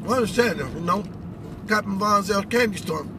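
Inside a noisy pickup truck cab, a middle-aged man tells personal stories mixed with some preaching, colloquial and emphatic, repeating phrases. His voice is high, expressive and fairly quick.

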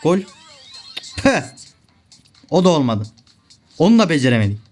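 A man's voice: a little high, big pitch swings, normal speed, darkish tone, faint music behind. A young man giving live gameplay commentary, ranting and swearing at his teammates in frustration. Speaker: gaming video creator.

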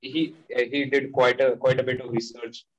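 A man's voice: medium pitch, level tone, moderate pace, lo-fi sound, a little hiss or hum. A man, a student answering questions on a video call, often repeating and restarting phrases. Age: 20s. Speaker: graduate student being interviewed. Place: small room at home, indoors.

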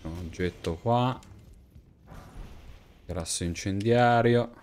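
Very low-voiced man swearing through a game. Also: slow pace, soft background music. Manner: slangy, crude, swearing, jokey. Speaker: streamer playing a video game. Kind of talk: casual gameplay commentary. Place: small room at home, webcam stream. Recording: clear steady background noise.

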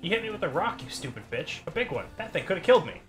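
A man's voice: fairly low pitch, quick pace, fairly bright tone, faint music behind, lightly acted. A man reading aloud and voicing a cruel village boy bully who taunts and sneers. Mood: angry.

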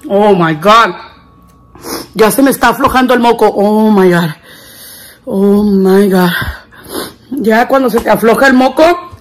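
Slow, tearful young woman vlogger. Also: mid-range voice. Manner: switches between Spanish and English; distressed, groaning and exclaiming. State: teary from spicy food. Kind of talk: casual vlog chat.

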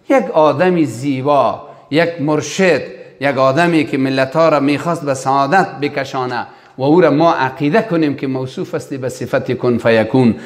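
Man, religious teacher, animated sermon delivery, hall reverb. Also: on the high side. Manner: animated, rising to emphatic recited Arabic phrases. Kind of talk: sermon-style religious lesson.

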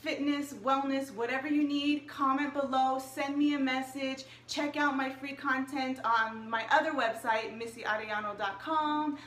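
Upbeat young female wellness coach, high voice, casual live-stream chat, echoey room, mic set back. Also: fairly even intonation, moderate pace, hardly any pauses, a bit bright. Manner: chatty and upbeat, addresses viewers directly. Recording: echoey room, mic at a distance, faint hiss.

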